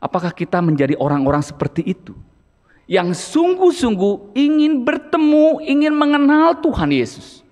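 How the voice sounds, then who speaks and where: A man's voice: fairly high pitch, darkish tone, big-room sound. A man preaching a sermon as a church deacon, earnest and emphatic, often turning to the congregation. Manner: earnest, emphatic, addresses listeners as brothers and sisters. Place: church hall.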